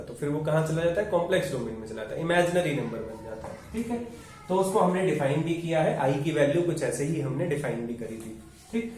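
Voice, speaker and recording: An Indian man lecturing a maths class in a slow, measured way, checking in often with "okay" as he walks through each step. His voice sits a little high and reaches the mic from a distance in a very echoey room. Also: a little mellow. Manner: explains step by step with frequent 'okay' and 'ठीक है' check-ins. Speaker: maths teacher. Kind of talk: classroom lecture mixing Hindi and English.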